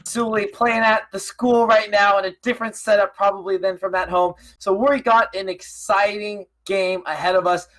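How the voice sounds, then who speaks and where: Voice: mid-range voice, fairly even intonation, moderate pace, hardly any pauses, fairly bright tone. Laid-back esports co-caster. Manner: laid-back, laughs easily. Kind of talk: casual live game commentary.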